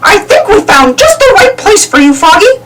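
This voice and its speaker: Mickey Mouse, squeaky and eager, as a woman puts him on. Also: big pitch swings, normal speed. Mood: cheerful. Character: cheerful helpful cartoon mouse, male. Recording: far-off mic, loud background noise.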